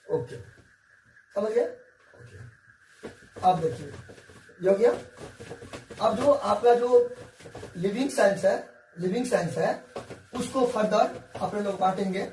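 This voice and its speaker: Guy teaching at a whiteboard, high mellow voice, keeps repeating stuff, echoey room, mic a bit far. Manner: repetitive, coaxing, keeps checking with "ठीक है". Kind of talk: whiteboard science lesson. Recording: echoey room, distant mic, faint hiss.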